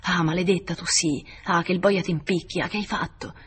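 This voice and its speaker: A man's voice: high-pitched, steady tone, fairly quick, a bit bright, a little hiss or hum. A man voicing an old, humble male servant who pleads and then bursts out in despair, in a storybook reading.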